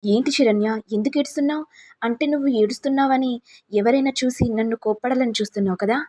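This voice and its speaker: A woman's voice: high voice, quick pace, dark tone. A woman voicing an angry young husband who taunts and accuses his wife. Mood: taunting.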